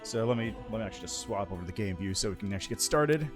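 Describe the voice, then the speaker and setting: A man's voice: lowish voice, lively intonation, rapid-fire, soft background music. A man chatting casually with viewers on a livestream through a headset mic, greeting them and reading chat aloud between gaming remarks. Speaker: streamer.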